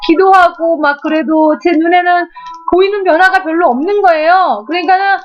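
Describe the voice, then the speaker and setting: A woman's voice: very high-pitched, moderate pace. A woman preacher giving an emotional testimony in a fervent, sometimes tearful voice. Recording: dull lo-fi recording.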